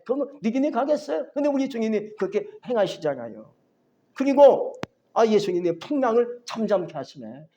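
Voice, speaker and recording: High-voiced Korean pastor preaching. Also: male voice, muffled recording. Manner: animated preaching, voices biblical figures, asks the congregation questions. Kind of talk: sermon.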